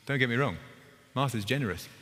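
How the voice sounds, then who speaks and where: A man's voice: mid-range voice, expressive, fast, fairly bright tone, long reverb tail, faint music behind. A man preaching a sermon in a church, in a conversational way that asks the congregation questions.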